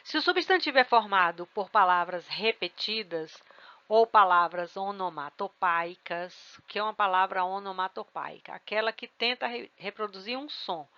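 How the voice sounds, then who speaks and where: A woman's voice: medium pitch, normal speed, bright, forceful tone, no room sound, highs cut off. A woman teacher giving an exam-prep grammar lesson, explaining rules step by step and checking in with her students. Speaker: Portuguese teacher.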